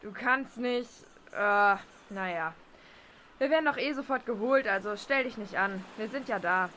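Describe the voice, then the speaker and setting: A woman playing a pushy, bossy young female contestant in an audio drama, brisk in her manner. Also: medium pitch, fairly bright tone, a little hiss or hum, lightly acted.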